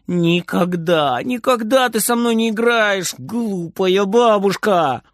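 A man voicing a small, excitable boy who whines, shouts and sobs easily. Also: sits high, unhurried, no echo, clean studio sound, pitched above the performer's own voice. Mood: whining. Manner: whiny, shouting, sobbing.

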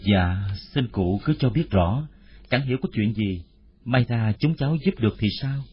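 A man's voice: medium pitch, expressive, moderate pace, breathy edge. A man voicing a humble young wandering musician who speaks politely and with deference. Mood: polite, earnest. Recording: muffled lo-fi audio.

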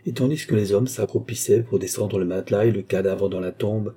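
A man narrating a literary novel in a steady, even reading. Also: on the low side, brisk, breathy edge. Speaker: audiobook narrator.

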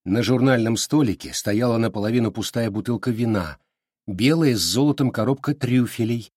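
A man reading an audiobook aloud with expressive, wry storytelling. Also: medium pitch, no echo, clean studio sound. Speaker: audiobook narrator. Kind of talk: audiobook narration.

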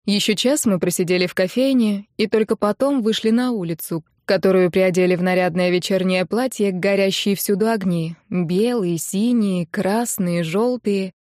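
A woman reads a first-person novel in an even storytelling delivery at a middle pitch. The recording is dry and close, with no room sound. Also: normal speed, hardly any pauses, no room sound. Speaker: audiobook narrator.

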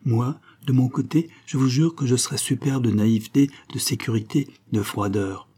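A man's voice: mid-range voice, moderate pace, warm tone, husky, close to an everyday voice. A man reading aloud the letter of an anxious noblewoman to her lover, fervent and urgent.

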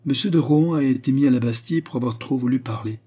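Storybook queen, stern and scornful, voiced by a man with a husky tone. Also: medium pitch, quick pace, warm tone, pitched above the performer's own voice, natural voice. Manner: cold, cutting interrogation. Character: stern haughty queen, contemptuous and commanding. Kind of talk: audiobook reading.

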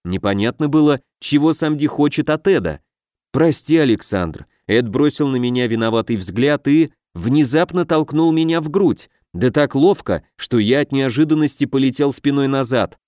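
Man, audiobook narrator, medium pitch, steady reading, dry close mic. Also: normal speed, hardly any pauses, dry recording. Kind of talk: first-person fantasy narration.

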